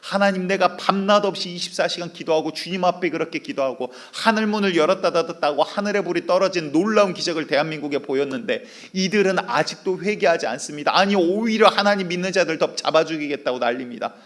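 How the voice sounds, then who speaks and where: A pastor acting out a fiery male prophet of old, shouting defiance and then pleading in anguish. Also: medium pitch, fairly quick, natural voice. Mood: despairing.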